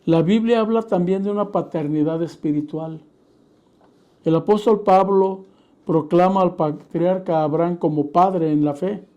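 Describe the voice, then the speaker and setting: Male preacher, measured sermon delivery, scripture citations, higher voice, very dark mellow tone. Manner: measured, citing scripture verses. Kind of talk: sermon-style teaching.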